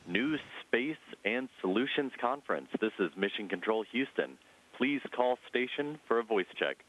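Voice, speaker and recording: A man working as mission control communicator, making crisp formal radio calls over a muffled radio link. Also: medium pitch, very animated, normal speed. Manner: crisp formal call-outs. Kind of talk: radio call procedure.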